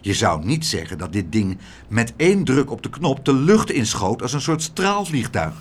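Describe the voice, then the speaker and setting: A man narrates a children's story in an expressive, storyteller's way. His voice sits at a middle pitch but the melody rises and falls widely, very animated. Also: moderate pace. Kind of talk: children's audiobook reading.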